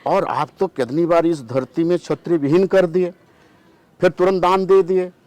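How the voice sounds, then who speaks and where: A man's voice: a little high, steady tone, moderate pace, a little mellow, no room sound, pitched above the performer's own voice, close to an everyday voice. A man doing a fiery young warrior prince. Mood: challenging.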